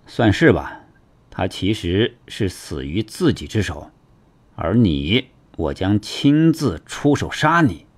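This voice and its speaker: A man voicing a calm, self-assured young male cultivator who makes cold, matter-of-fact threats in a storybook reading. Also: low voice, takes it slowly, exaggerated voice.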